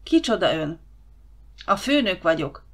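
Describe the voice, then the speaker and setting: A woman voicing an irritable older male boss who is near retirement and barks orders loudly at a guard. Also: fairly low pitch, sing-song. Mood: irritable shouting. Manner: loud, impatient, barking orders.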